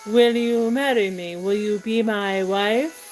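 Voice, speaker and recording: A woman playing a lovestruck, impulsive young gentleman suitor in a comic stage play, with halting, effusive declamation. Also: mid-range voice, faint music behind, close to an everyday voice. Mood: passionate.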